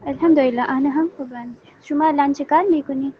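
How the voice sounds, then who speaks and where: A woman student, practicing a dialogue and asking simple questions slowly. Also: sits high, fairly even intonation. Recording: lo-fi with faint noise.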